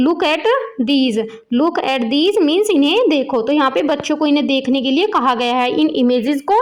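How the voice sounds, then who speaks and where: A woman, patiently explaining a children's textbook lesson as a teacher. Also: sits high. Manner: slow, patient word-by-word explaining.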